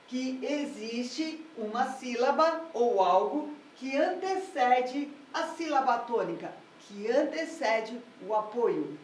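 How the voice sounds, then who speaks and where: A woman's voice: on the high side, darkish tone, a little hiss or hum. A woman music teacher explaining harmony in a patient, step-by-step lesson. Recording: echoey room, mic at a distance.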